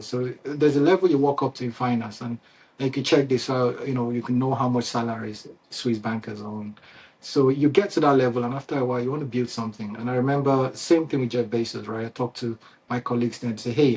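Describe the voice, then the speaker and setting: The recording is low quality, and the Nigerian-accented CEO's medium-pitched voice sounds darkish and breathy. Hosting his company's Q&A, he addresses customers casually without a script, chuckling frequently through many fillers and false starts.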